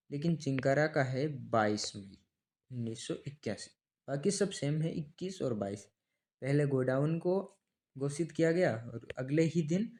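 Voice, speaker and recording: A man teaches an online exam-prep lesson in a chatty style, calling his students brother, asking them rhetorical questions and repeating key dates and names so they stick. His voice is mid-range with a darkish tone.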